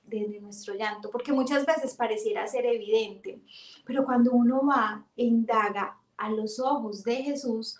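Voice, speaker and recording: Woman teaching with lively storytelling. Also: on the high side, roomy sound. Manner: warm, animated storytelling with emphatic retellings.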